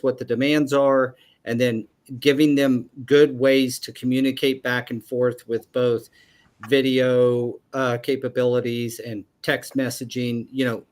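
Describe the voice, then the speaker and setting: A man hosting a panel over a video call, talking in a relaxed, hesitant way with frequent fillers. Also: mid-range voice. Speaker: host. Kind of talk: casual panel discussion.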